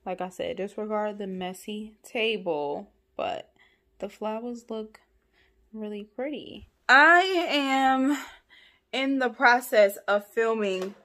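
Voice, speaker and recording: A young adult woman, chatting casually and playfully to camera in her vlog. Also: mid-range voice. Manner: chatty, animated, playful asides. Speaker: vlogger.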